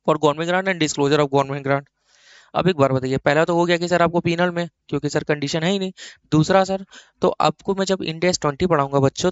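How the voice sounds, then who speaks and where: A man's voice: on the high side, no room sound, dull audio. A male accounting teacher with an Indian accent, lecturing and answering his own questions while mixing English terms into Hindi. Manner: explains by asking himself questions and answering. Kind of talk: classroom lecture.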